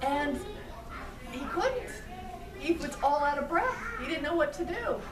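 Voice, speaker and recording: In a daycare classroom, a middle-aged storyteller and puppeteer tells young children a story in simple phrases, often asking them questions. Her voice sits high, with lively intonation and a measured pace. A distant camera mic captures it in an echoey, noisy room.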